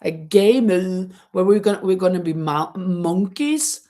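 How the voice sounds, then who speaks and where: Speaking on the low side, a little slowly and with a dark tone, a middle-aged Norwegian woman hosts a casual home livestream near a terrace. She chats and reads out viewer comments, laughing frequently and restarting words.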